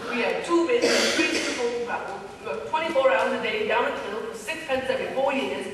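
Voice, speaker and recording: A man's voice: extremely high pitch, brisk. A man on stage playing an old man who solemnly claims the toughest upbringing of all. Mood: solemn boasting. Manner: solemn, mock-serious bragging. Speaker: amateur stage actor. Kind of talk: stage comedy sketch. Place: hall stage. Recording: echoey hall from far off, with loud noise.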